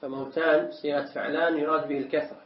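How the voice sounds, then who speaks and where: A man teaching as a sheikh, explaining religious texts in a measured way, often repeating words as he explains. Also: fairly high pitch, level tone. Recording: echoey room, distant mic, dull sound.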